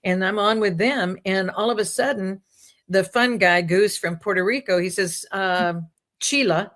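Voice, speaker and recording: Woman guest, casual chat, meandering anecdotal delivery, mid-pitched. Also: normal speed, fairly bright tone. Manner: rambling storyteller, jokes and asides. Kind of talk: casual talk-show conversation.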